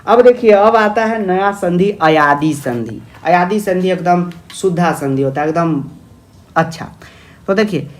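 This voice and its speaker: A young man teaching grammar in an online lecture, affectionately calling students "babu" and asking their questions himself. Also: high voice.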